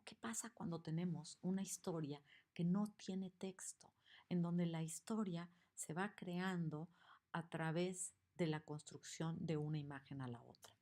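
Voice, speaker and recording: A woman teaching a lesson on picture books, expressive and asking her listeners questions. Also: deep voice. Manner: expressive, acts out the examples, asks the audience questions.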